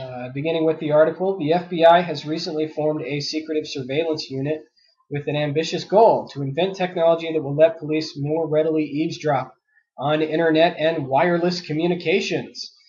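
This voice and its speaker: A man hosting his own news commentary podcast, his voice sitting a little high. He reads articles aloud, then breaks into indignant rants full of uh fillers, and he is a bit sick with a cough. The recording is dull and lo-fi. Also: darkish tone.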